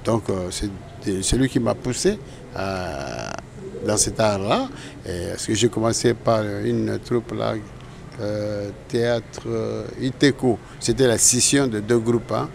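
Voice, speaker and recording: A man's voice: fairly low pitch, measured pace, creaky, darkish tone, a little hiss or hum. An older man from Congo, a guest in an interview, telling his story in a rambling way and often correcting himself. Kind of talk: casual interview recollection.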